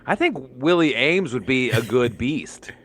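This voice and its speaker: A man's voice: mid-range voice, sing-song, measured pace, fairly bright tone. A man co-hosting a casual comedy podcast, riffing with dry, profane humor. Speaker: podcast co-host.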